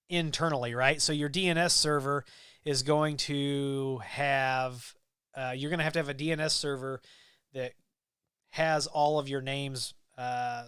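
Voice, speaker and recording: Hosting a casual live stream, a Midwestern American man reads comments from viewers and rambles comfortably, often saying um and restarting. His voice is medium-pitched, fairly bright, clear and resonant, recorded in clean studio sound without echo.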